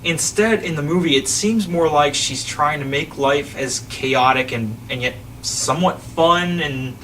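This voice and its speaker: A man's voice: a little high, unhurried, sharp tone. Rambling man on a distant mic. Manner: rambling, restarts sentences, chuckles. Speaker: podcast host. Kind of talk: casual chat about films. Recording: distant mic with faint ambient noise.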